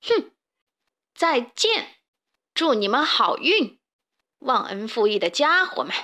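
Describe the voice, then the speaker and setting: A woman's voice: sits high, very animated, takes it slowly, pushed and bright, full character voice. A woman voicing an indignant rooster father who leads a chicken coop, in a children's storybook. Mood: angry. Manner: huffy, indignant.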